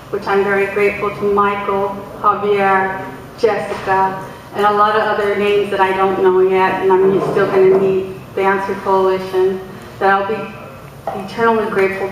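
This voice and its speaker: A young adult woman with a medium-pitched, loud voice gives a halting, emotional speech to a gathering, pausing and restarting often. She's a guest speaker and community organizer in a large echoey hall, recorded far from the mic, so the sound is echoey, distant, and noisy.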